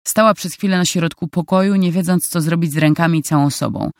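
A narrator reading a novel aloud in calm, even scripted narration. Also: medium pitch, quick pace, dry recording, clean studio sound.

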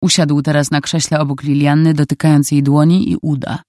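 A narrator reading a novel aloud in calm, even scripted narration. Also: medium pitch, brisk, no room sound, studio quality.

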